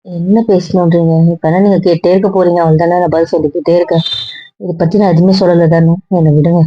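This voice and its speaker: A woman's voice: fairly low pitch, flat delivery, quick pace, lo-fi sound, natural voice. A young woman playing a hurt young girlfriend who questions and reproaches, in a web drama.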